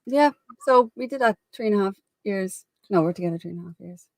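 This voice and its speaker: A woman with an Irish accent, a guest on a livestream, chatting loudly and enthusiastically. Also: medium pitch, lively intonation, quick pace, no room sound. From Ireland. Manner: loud, enthusiastic. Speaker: guest vanlife vlogger. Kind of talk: casual chat on a livestream.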